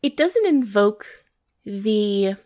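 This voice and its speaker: A woman co-hosting a relaxed podcast conversation. She is chatty and agreeable and often chimes in with quick yeses. Her sentences ramble and restart the way people do in casual talk. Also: mid-range voice. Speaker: podcast co-host. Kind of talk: casual chat.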